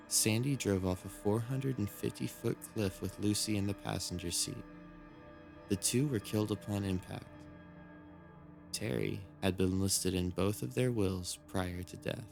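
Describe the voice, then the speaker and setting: A man reads scripted true-crime horror narration in a measured, solemn storytelling manner. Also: on the low side, vocal fry. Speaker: narrator of a creepy mystery series. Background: background music.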